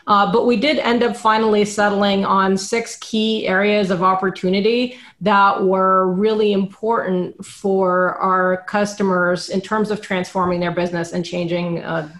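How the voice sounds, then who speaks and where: Measured woman product manager on a video call. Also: mid-range voice. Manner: explains points in an orderly, measured way. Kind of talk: panel discussion on a video call. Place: dim home room indoors. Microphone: webcam on a video call.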